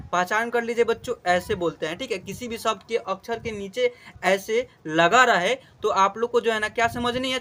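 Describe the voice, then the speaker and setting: A man gives a patient alphabet lesson to children, explaining each vowel mark step by step. His voice sits high and sounds bright and forceful. Now and then he chants syllables loudly so the students can repeat them. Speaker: teacher.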